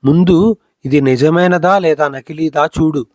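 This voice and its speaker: A man voicing an eager young granddaughter who speaks in a hushed way in a storybook reading. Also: a little high, a little slow, no room sound, clean studio sound, close to an everyday voice.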